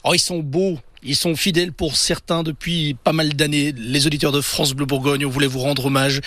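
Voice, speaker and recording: A man's voice: fairly high pitch, flat delivery, moderate pace, fairly bright tone. A man hosting a casual radio interview, chatty and teasing with his guest. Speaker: radio host and reporter.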